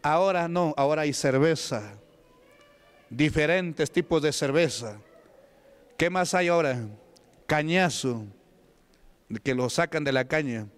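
A man's voice: on the high side, unhurried, pauses often, clear, resonant tone. A man, a church deacon giving a fervent sermon and deliverance prayer with repeated commanding calls. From Peru. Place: church service.

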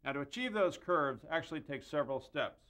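A middle-aged man hosts a woodworking lesson from his workshop, speaking in a slightly raised register. He explains each cut clearly and methodically, with a touch of enthusiasm for his tools and jigs. A lapel mic keeps his voice close amid the shop space. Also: fairly high pitch, lively intonation, a little fast, a bit bright. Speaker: host and woodworker. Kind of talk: instructional woodworking demonstration. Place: indoor wood workshop.

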